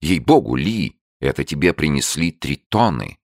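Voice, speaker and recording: A man reading an audiobook and voicing a brash young man who shows off his courage, bold and chivalrous, sharp when challenged. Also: very deep voice, sing-song, moderate pace, dry recording, studio quality, exaggerated voice. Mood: gallant.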